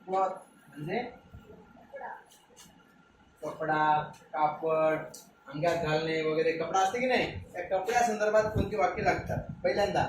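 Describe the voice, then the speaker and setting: A spoken English vocabulary lesson for children is led by a male primary school teacher from Maharashtra, India, who spells each word letter by letter and has the class repeat it again and again. He speaks at normal speed with fairly high pitch, fairly even intonation and long pauses. The background is noisy, and he sounds distant in a very echoey room.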